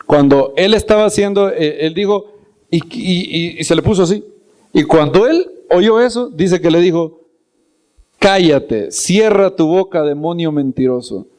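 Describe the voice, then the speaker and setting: Male preacher, slightly high voice, lively storyteller who acts out scenes. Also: moderate pace. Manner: repeats words for emphasis. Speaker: preacher and Bible teacher. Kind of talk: storytelling sermon.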